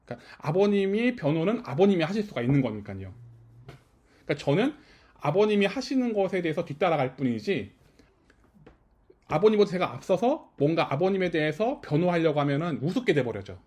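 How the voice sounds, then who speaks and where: Lively male pastor, chatty small-church sermon. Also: fairly high pitch, fairly quick. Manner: keeps checking with listeners, asking if they follow. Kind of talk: conversational sermon. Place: small house-church service.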